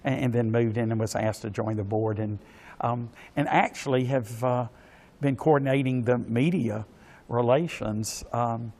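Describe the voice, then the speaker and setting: A man, giving courteous, formal interview answers haltingly, with many pauses and repeated words. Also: mid-range voice, a little mellow. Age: 60s. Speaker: interview guest, pageant organization official. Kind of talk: polite spoken interview answers.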